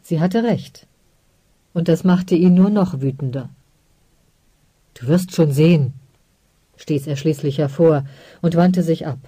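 Woman narrator, low dark voice, slow measured reading, dry studio sound. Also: husky, no echo. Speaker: audiobook narrator. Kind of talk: scripted narration.

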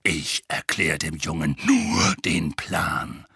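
A man voicing a gruff, grizzled old male wizard soldier in an audiobook, barking curt orders slowly. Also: lowish voice, huge pitch swings, pushed and bright, no echo, studio quality, full character voice. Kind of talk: audiobook character voice.

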